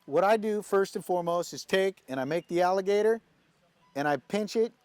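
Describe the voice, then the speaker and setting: High-voiced man teaching goose calling. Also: animated, a little fast, a little mellow, clear, resonant tone, no room sound. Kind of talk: hands-on instructional demonstration.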